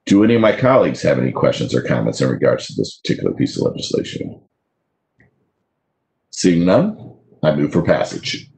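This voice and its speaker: Over a video call from a room at home, a man in his thirties chairs a city council committee and formally reads legislation aloud. His bass voice is gravelly and darkish, with a sing-song lilt, a slightly fast pace, and frequent pauses.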